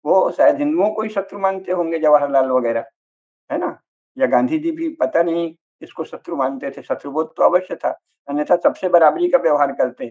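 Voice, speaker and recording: Emphatic man, slightly high voice. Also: normal speed, darkish tone, muffled recording. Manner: emphatic and argumentative, with rhetorical questions. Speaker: speaker on religion and politics. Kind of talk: forceful lecture-style discourse.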